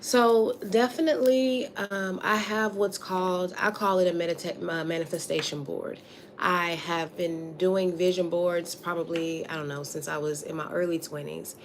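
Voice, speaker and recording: A woman with a low-pitched voice talks reflectively as a guest in a conversation. Her intonation stays fairly flat as she shares personal experience. There is faint noise in the background. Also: normal speed. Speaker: interview guest.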